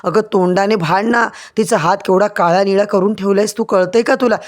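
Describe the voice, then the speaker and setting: A woman's voice: medium pitch, steady tone, fairly quick, natural voice. A man voicing Mallika, a scheming middle-aged mother who scolds and coaxes her daughter. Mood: scolding.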